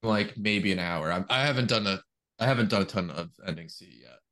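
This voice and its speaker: A man's voice: on the low side, a little fast, sharp tone. A man co-hosting a casual podcast, chatting informally. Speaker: podcast co-host. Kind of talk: casual chat.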